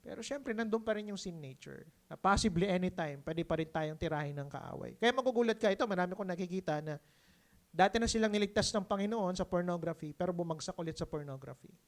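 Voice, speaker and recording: Lively Filipino pastor preaching. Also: male voice, high voice, fast talker. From Philippines. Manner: lively, keeps asking the congregation "di ba?"; mixes English phrases into his preaching. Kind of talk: conversational sermon.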